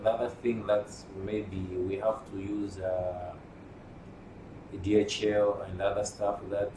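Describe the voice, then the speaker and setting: A man from Malawi, a union secretary general, explaining things carefully in an interview, with frequent pauses. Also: lowish voice. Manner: measured, explanatory, with hesitations. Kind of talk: interview answers. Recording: roomy, distant mic with noise.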